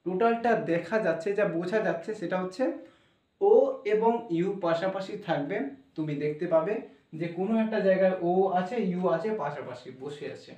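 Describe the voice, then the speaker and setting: A man's voice: sits high, a little mellow. A man teaching English spelling and pronunciation, spelling words out letter by letter and repeating key points as he goes. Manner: repeats phrases, pauses to check spellings. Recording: roomy echo, mic some distance away.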